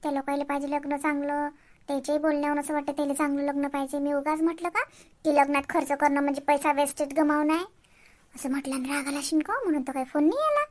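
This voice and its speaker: Woman voicing a shrill bossy elder sister. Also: fast talker, close to an everyday voice. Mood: fretting. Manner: scolding, fretful muttering. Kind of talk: village cartoon comedy.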